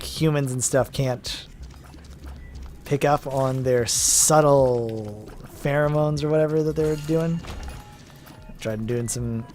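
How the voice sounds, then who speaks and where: A man's voice: mid-range voice, darkish tone. A man casually commenting on his own gameplay as a let's play host, rambling with self-deprecating asides.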